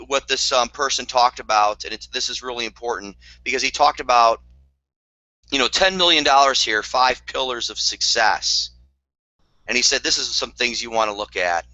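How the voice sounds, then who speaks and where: A man's voice: mid-range voice, normal speed, sharp tone, dry recording. A man giving a motivational network marketing talk, earnest and repetitive, with dry sarcastic asides, on a dull lo-fi recording.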